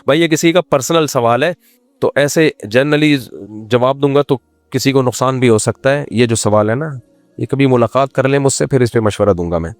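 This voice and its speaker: A man answers questions as a religious scholar, teasing his listeners and mimicking the pleas he suggests. His voice is mid-pitched and sits close and dry on the mic, with a faint bed of music behind it. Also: no room sound. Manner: humorous, teasing, acts out quoted pleas.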